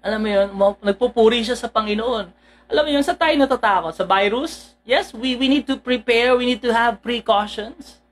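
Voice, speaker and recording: A woman preacher with a Filipino accent giving an animated sermon, moving between Tagalog and English and often asking her listeners direct questions. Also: a little high, moderate pace. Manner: animated, mixes Tagalog and English, acts out quoted speech; asks the congregation direct questions.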